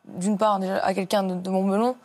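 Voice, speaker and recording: A woman's voice: medium pitch, flat delivery, brisk, a little mellow. A young woman, a friend of the victim, answering earnestly on a TV talk show while searching for her words. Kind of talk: TV interview answer.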